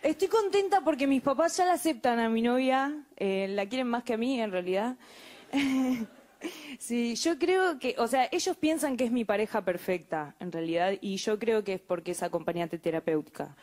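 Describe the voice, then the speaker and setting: A woman's voice: a little high, expressive, normal speed, darkish tone. A young woman with an Argentine Spanish accent doing a stand-up routine, wry and chatty with conversational asides. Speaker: stand-up comedian.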